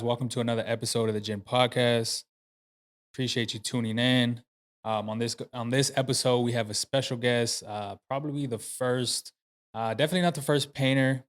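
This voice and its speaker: A man hosting a podcast, talking casually in a loose, rambling way with many fillers and restarts. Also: medium pitch. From United States. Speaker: podcast host. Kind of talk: casual interview chat. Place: podcast studio.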